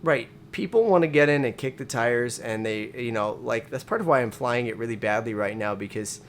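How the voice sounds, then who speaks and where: A man co-hosting a flight simulator review in casual chat, talking quickly and often trailing off mid-sentence. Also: medium pitch, a little hiss or hum. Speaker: flight sim video co-host.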